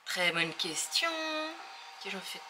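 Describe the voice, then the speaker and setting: A woman's voice: medium pitch, very animated, slow, noisy background. A woman hosting a casual craft tutorial, talking hesitantly with many fillers as she thinks aloud while working.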